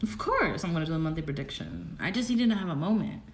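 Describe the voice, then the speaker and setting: A young woman giving a casual livestream tarot reading, chatty and excitable, rambling with giggles. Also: low-pitched, fast, echoey room. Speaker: tarot reader.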